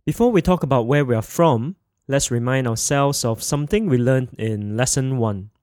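A man hosts a podcast language lesson, pausing to repeat each word slowly so learners can follow. His voice sits at an ordinary middle pitch. It is recorded dry on a close microphone. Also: a little mellow, no echo, soft background music. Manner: slow, clear, repeats words for learners. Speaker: Mandarin teacher.

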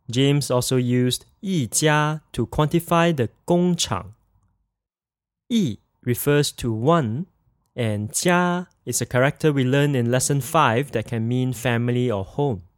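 A man teaching a language lesson in a clear, explanatory scripted narration, saying example phrases slowly. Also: medium pitch, dry recording, studio quality.

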